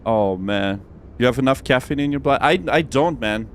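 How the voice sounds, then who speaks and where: Streaming a flight simulator, a young man talks cheerfully to his viewers in a casual livestream, chatty and upbeat, rambling with fillers and self-talk as he works. His mid-range voice moves at a moderate pace over a little hiss or hum.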